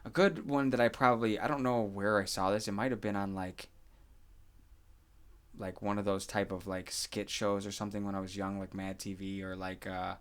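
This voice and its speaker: Earnest low-voiced male podcast host. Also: little pitch movement, normal speed, clean tone. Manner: reflective, earnest, lots of "like" and "you know what I mean". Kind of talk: casual podcast conversation.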